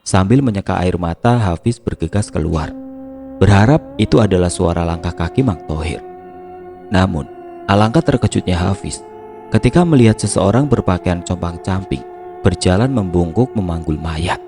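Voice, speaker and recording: A man narrating a horror story in a steady, hushed storytelling manner. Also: low-pitched, moderate pace, music in the background.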